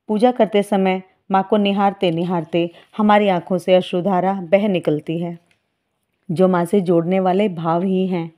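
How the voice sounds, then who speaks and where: A woman giving a calm devotional talk as a spiritual guide, speaking to her followers in a motherly way and calling them children. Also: mid-range voice.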